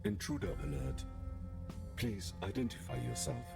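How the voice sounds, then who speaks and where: A man voicing a calm, stern computer that guards a door in a video game, giving flat, repetitive machine announcements. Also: lowish voice, normal speed, gravelly, loud music behind the voice.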